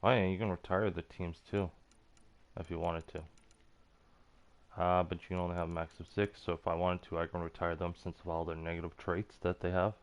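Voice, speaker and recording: A man's voice: low-pitched, little pitch movement, a little fast. A man losing his voice, giving rambling, half-muttered commentary on a game he is playing. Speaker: game streamer. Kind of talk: casual gameplay commentary.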